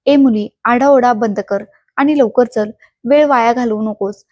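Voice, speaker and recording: A woman's voice: a little high, unhurried, darkish tone, no room sound. A woman voicing a curt, bossy young woman. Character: stern young woman working in the brothel.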